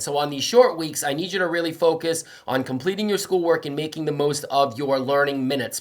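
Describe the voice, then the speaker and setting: A man hosting morning announcements at an elementary school, talking to the children in an encouraging, cheerful way with frequent ums. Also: on the high side.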